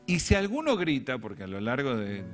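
A man's voice: medium pitch, wildly swooping pitch, fairly quick, faint music behind. A middle-aged man with a Rioplatense Spanish accent, preaching a sermon as a pastor and telling stories with self-deprecating humor.

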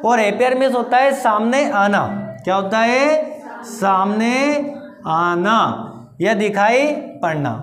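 A teacher giving a grammar lesson, asking rhetorical questions, answering them and slowly repeating each answer. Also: medium pitch. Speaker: English teacher. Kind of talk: classroom-style grammar lesson. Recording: roomy echo with faint background noise.

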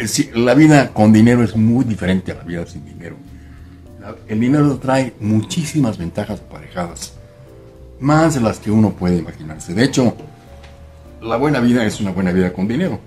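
A man's voice: lowish voice, warm tone. Older man giving formal advice to camera. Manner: formal, emphatic, addresses viewer as usted, repeats for emphasis. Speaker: style channel host. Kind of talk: talking to camera, advice monologue. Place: home room by a window.

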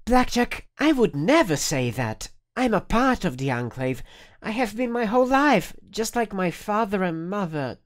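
A man voicing a young, earnest and proper female pony in an audiobook reading, in a high, swooping voice. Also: moderate pace. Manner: indignant, high and lively voice. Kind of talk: audiobook character voice.

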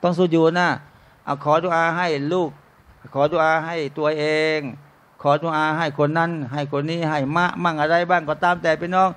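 A man with a high-pitched voice teaches a room full of listeners in a relaxed, conversational sermon. He keeps addressing them as brothers and sisters and throws rhetorical questions at them. He slips into short, jokey everyday scenes along the way. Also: moderate pace, smooth. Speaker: Islamic religious teacher. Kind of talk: informal sermon to a live audience. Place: restaurant used as a talk venue.

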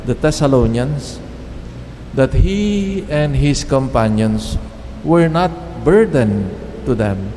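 Slow-speaking priest in a reverberant church. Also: male voice, mid-range voice, animated, dark tone, a little hiss or hum. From Philippines. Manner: measured, halting phrases with pauses. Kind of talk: homily at Mass. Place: church chapel. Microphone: standing mic at lectern. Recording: long church reverb, faint ambience.

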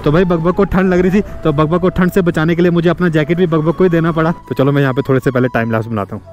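A young man hosting a motorcycle vlog, talking quickly and chattily to his viewers on a chilly mountain road. His voice sits a little high, and faint music plays under him. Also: darkish tone, muffled recording. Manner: chatty, keeps calling out to viewers as "guys" and "bhai". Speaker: motovlogger host. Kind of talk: casual vlog narration. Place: outdoors on a cold mountain road.

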